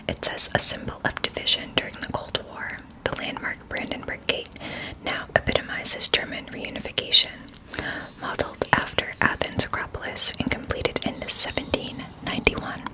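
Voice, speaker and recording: A woman in a whispered role-play, chatting as if to a close friend, keeping hushed and quiet at night so nobody wakes. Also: rough recording. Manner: quiet at night, hushed so as not to wake others. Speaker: ASMR performer.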